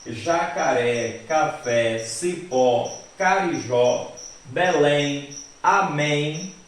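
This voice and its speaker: Male teacher, slow and deliberate delivery, spells out word endings; very echoey room, mic at a distance. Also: a little high. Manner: asks questions in a student's voice and answers them. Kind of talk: recorded grammar lesson.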